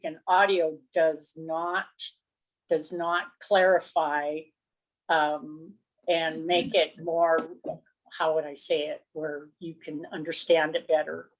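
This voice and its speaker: A woman county commissioner speaking in a public meeting, measured and halting but firm in her position. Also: deep voice, poor audio.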